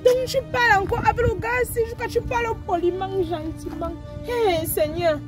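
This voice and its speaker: A woman playing a blunt female friend who scolds and lectures, with music clearly underneath. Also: high voice, expressive, a little fast. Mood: lecturing.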